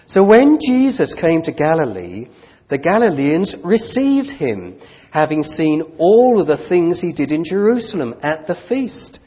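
Slow earnest preacher at a pulpit microphone. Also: male voice, fairly high pitch, very animated. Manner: earnest and deliberate, growing fervent. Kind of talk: sermon with Bible reading. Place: church sanctuary. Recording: dull church recording with long hall reverb.

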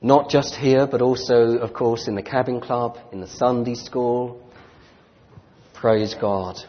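A man preaching a sermon into a pulpit microphone, earnest and deliberate, reading scripture and growing fervent. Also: medium pitch, fairly even intonation. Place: church sanctuary. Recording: dull church recording with long hall reverb.

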